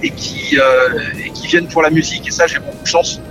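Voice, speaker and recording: In a relaxed interview, a middle-aged musician talks about his career and family, often stumbling and repeating words. His fairly high voice swings hugely in pitch and moves briskly. The recording is rough, with music playing behind him.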